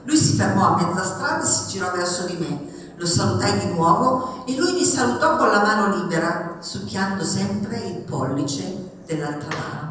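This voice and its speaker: A woman reading passages of a memoir aloud at a public event, expressive and rising in pitch on the lively parts. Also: moderate pace, background noise. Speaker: reader at a book event. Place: public event in a reverberant hall. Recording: echoey hall, mic far off.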